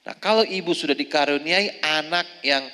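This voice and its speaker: A man's voice: fairly high pitch, normal speed, sharp tone, smooth. A man preaching casually to a group of women, chatty, often checking in with his listeners. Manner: chatty, tags lines with "ya, Bu". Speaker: Islamic preacher. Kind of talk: religious study talk to women. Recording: long reverb of a hall.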